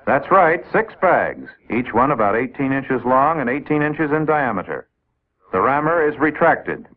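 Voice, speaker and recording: Heard on a tinny, narrow-band 1950s film soundtrack, this American narrator of a military training film talks at normal speed in a medium, sing-song voice. His delivery is methodical and explanatory, aimed straight at the trainees.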